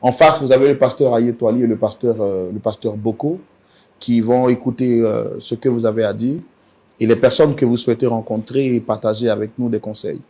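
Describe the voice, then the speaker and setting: Measured, lower-voiced male talk show host. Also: steady tone, warm tone. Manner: formal, measured, with frequent "euh" pauses. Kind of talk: hosting a studio talk show. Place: TV studio set.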